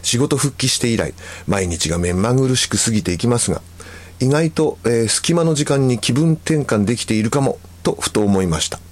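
A man hosting a radio show, reading listener letters aloud and chatting about them in a relaxed way with frequent chuckles. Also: mid-range voice, fairly quick. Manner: relaxed, chuckles often, comments between letters. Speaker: musician.

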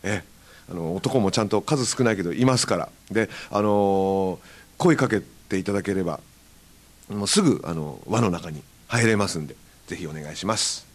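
A man's voice: low-pitched, expressive, normal speed. A man hosting a radio show in a casual chat, reading listener letters with frequent chuckles and fillers. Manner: chuckling, filler-heavy, trailing off softly. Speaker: radio host.

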